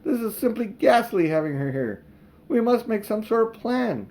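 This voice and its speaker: A man's voice: high-pitched, sing-song, normal speed, a little mellow, pitched above the performer's own voice. A man voicing a worried young schoolboy in a children's storybook, earnest and pleading. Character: anxious, pleading schoolboy in a scrape. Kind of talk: children's storybook read aloud.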